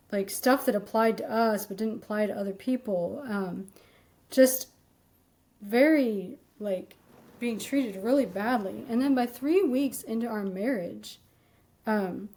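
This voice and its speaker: A woman with a high, bright-pitched voice tells her own story as an interview guest. She talks in an animated, unpolished way, peppering her speech with fillers and acting out the exchanges she recalls. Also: low-quality recording. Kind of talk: candid personal account in an interview.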